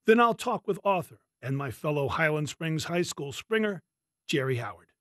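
A man hosting a podcast, giving a steady, formal scripted introduction. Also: a little high, moderate pace, no room sound, clean studio sound. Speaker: podcast host. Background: soft guitar music.

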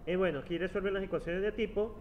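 A high-pitched man lectures his students in a classroom, talking in a chatty, teasing way and checking in with them constantly. The recording sounds dull and lo-fi, with a faint hum of noise behind him. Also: steady tone, fast talker. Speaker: university lecturer. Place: university classroom.

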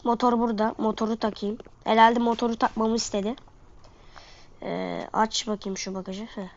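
Talking to her viewers mid-game, a woman offers slangy, laid-back commentary through a stuffy, sniffling nose. She speaks at a moderate pace in a slightly high voice with a level tone, recorded on a dull, lo-fi mic.

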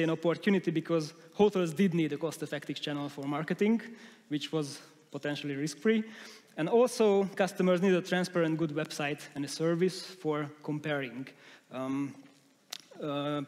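A man giving a conference talk on a large stage, often restarting and searching for words. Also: fairly high pitch. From Hungary. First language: Hungarian. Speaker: conference speaker. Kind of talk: conference presentation. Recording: long hall reverb.

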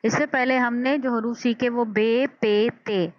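Woman teacher slowly sounding out letters. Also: fairly high pitch, steady tone, no room sound. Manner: sounds out syllables slowly and deliberately. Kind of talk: slow step-by-step alphabet lesson. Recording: dull lo-fi dry recording.

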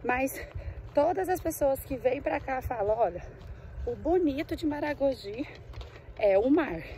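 Woman, travel vlogger, chatty, mellow tone, outdoors, faint background noise. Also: animated, measured pace, poor audio. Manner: chatty, talks to her dog in a high sweet voice. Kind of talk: casual travel vlog narration. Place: outdoors at a beach resort.

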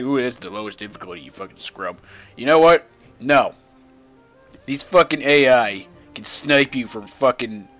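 A hoarse young man who is losing his voice, doing profane, grumbling gameplay commentary that swings from loud rants to low mutters. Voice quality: rough, smoker-like. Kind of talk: casual gaming commentary.

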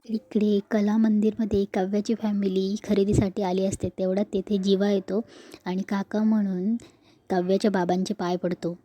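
A woman's voice: mid-range voice, flat delivery, moderate pace, dark tone. A woman retelling a TV serial episode in plain storytelling, voicing the dialogue herself. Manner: plain storytelling, quotes dialogue in her own voice. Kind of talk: retelling a TV serial episode, reading all parts.

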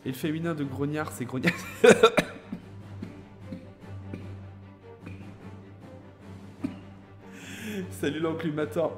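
With a voice that sits a little high, a young adult Frenchman streams gameplay live and talks with his viewers, addressing them by name. He hesitates often, filling pauses and starting sentences over, while music runs in the background.

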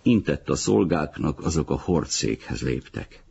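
Male audiobook reader, low voice, raspy texture, muffled lo-fi sound, calm literary delivery. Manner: measured, even literary reading. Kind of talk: audiobook narration of a novel.

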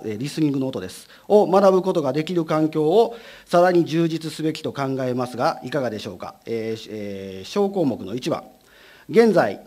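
A man, a city council member, asking formal questions in a council session, measured with many filler pauses. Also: on the high side, darkish tone.

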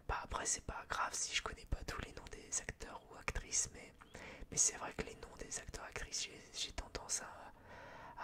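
In a relaxation vlog, a French-accented person whispers in a breathy, unvoiced way while reviewing film purchases. The chat is casual, halting, rambling and self-deprecating.

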